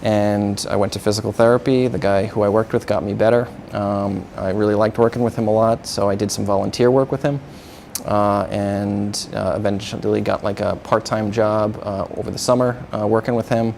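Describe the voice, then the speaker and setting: Interview guest, man, 30s, raspy low voice, filler-heavy answers, faint room hiss. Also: fairly even intonation, a little mellow. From New York area. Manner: halting, many uh fillers, agreeable. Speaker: physical therapist, guest.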